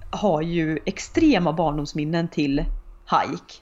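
A woman in her thirties co-hosting a podcast, chatting in a relaxed, rambling way. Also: low-pitched, a crowd in the background. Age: born in the late 1980s. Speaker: podcast co-host. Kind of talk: casual chat. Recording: slightly dull, lo-fi sound.

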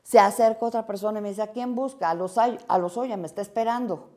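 Woman interviewee, warm mellow tone, animated storyteller. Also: mid-range voice, fast talker. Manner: lively, acts out quoted dialogue.

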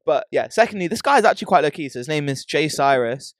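A man's voice: a little high, animated, fast talker, dry recording, clean studio sound. A young man with a London roadman accent, chatting casually in slangy, emphatic, matey banter as a podcast host. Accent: London roadman, urban British slang.

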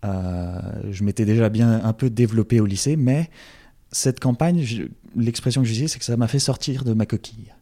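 A young French guest who formerly organized campaigns chats in a casual interview, his accented speech often restarting and padded with fillers. He speaks a little fast in a medium-pitched, dark-toned voice.

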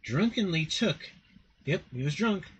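A man's voice: high voice, expressive, measured pace, a little hiss or hum, rough recording. A man hosting a podcast in a casual, chatty style. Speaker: podcast host.

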